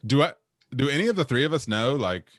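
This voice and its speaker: A man's voice: medium pitch, big pitch swings, fast, fairly bright tone, a little hiss or hum. A man co-hosting a podcast in casual, joking chat, laughing often. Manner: jokey, laughs a lot. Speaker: podcast co-host.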